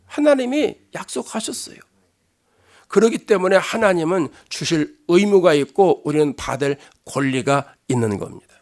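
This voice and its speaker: A male pastor giving a sermon in an emphatic, conversational style, alternating loud declarations with hushed asides. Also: a little high, normal speed.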